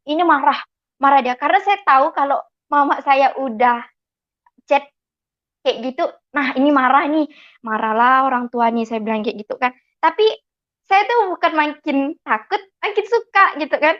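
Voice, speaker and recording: An animated woman with a high-sitting voice gives a personal testimony as a convert, speaking at normal speed. She tells it like a storyteller, acting out remembered dialogue, on a dull lo-fi recording.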